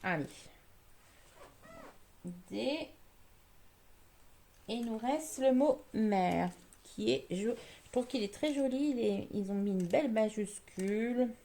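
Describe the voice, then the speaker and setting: A woman's voice: on the high side, animated, takes it slowly, pauses often, dark tone. A woman chatting through a live card-making demo, explaining each step as she works and answering viewers.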